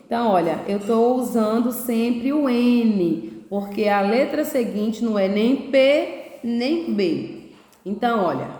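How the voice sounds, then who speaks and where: A woman primary school teacher explaining a lesson to young children, patiently sounding out syllables slowly and checking in often. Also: medium pitch, darkish tone. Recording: echoey room, long reverb.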